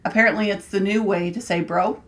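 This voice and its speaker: Woman co-host, casual chatty podcast talk, laughs easily, mid pitch. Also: fairly even intonation, fairly quick, a bit bright. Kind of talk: casual chat.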